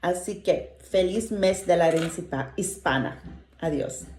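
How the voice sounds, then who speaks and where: School counselor in an echoey room. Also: female voice, lowish voice, a little slow, a little mellow. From Honduras. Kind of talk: short greeting introduction. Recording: echoey room, faint noise.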